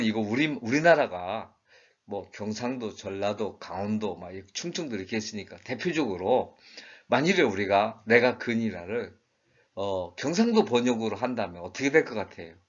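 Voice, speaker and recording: A man's voice: fairly low pitch, lively intonation, moderate pace. A man giving a conversational Bible study lecture, asking rhetorical questions and acting out quoted lines in regional dialects. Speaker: Bible teacher. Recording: dull lo-fi recording.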